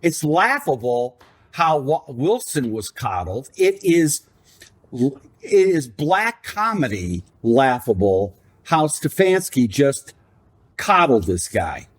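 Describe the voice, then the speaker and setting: Emphatic, lively-pitched man ranting. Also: takes it slowly. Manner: emphatic, sarcastic, lecturing. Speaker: podcast co-host. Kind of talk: casual sports podcast rant.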